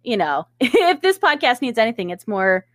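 High-voiced giggly woman podcaster. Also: big pitch swings, moderate pace, fairly bright tone, dry recording. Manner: enthusiastic, giggly. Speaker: podcast co-host. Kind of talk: casual chat.

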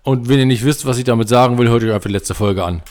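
A man co-hosting a podcast, bantering in a dry, deadpan way. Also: medium pitch, fast. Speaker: podcast co-host. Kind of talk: casual chat.

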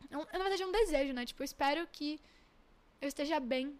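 Tearful young woman, high voice. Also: fast talker. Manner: tearful, rambling and self-teasing. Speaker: podcast guest. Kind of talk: emotional casual chat.

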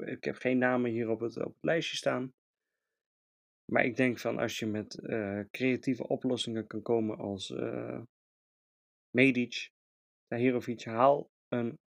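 Gravelly opinionated Dutch football fan. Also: male voice, mid-range voice. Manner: opinionated, emphatic, with frequent hesitations. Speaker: football club fan podcast host. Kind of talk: casual match review monologue.

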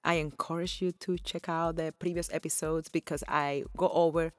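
Speaking in a level tone at a moderate pace, a low-voiced woman in her forties from Cuba hosts her own podcast. Her monologue is personal, effusive and earnest, broken up by frequent laughter, and the recording is dry.

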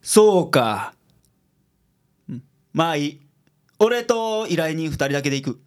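A man with a Kansai accent and a notably high voice for a male plays a gruff detective boss in a radio drama, barking blunt, commanding orders. His delivery is very animated and a little slow, with a brisk mood.

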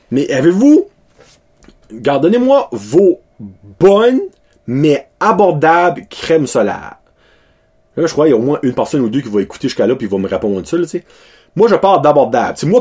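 A man's voice: mid-range voice, a little mellow, husky. A man in his thirties with a Québécois French accent, casually chatting to his followers in a loose, slangy way and mixing in English words. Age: 30s. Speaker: vlogger.

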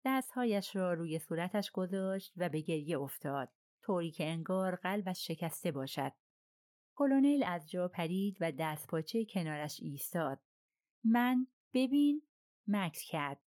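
Female audiobook narrator, low tone, dry close mic. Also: lively intonation, darkish tone, dry recording. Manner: measured storytelling. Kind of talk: scripted narration.

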